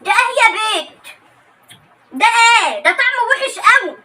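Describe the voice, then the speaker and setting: Woman putting on a shrill Egyptian mother-in-law. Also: very animated, normal speed, pushed and bright, exaggerated voice. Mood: disgusted. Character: bossy older mother-in-law, meddling and scolding. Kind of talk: comedy sketch.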